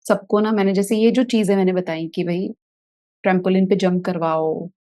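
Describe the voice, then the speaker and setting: Mellow-voiced woman therapist telling a story. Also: mid-range voice, moderate pace. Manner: animated storyteller who acts out scenes. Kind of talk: casual video talk, telling a story from a workshop.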